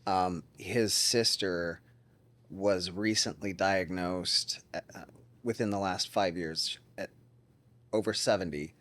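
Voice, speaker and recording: A male podcast host in relaxed conversation. His voice sits on the low side, and he talks in a measured, reflective way, often from personal experience.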